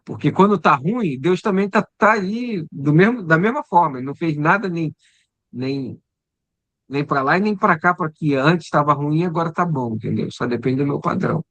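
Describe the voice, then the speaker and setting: Husky man leading a spiritual study group. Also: a little high, lively intonation, normal speed, no echo. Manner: conversational, repeats "né?" and "entendeu?", trails off quietly. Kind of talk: casual spiritual study discussion.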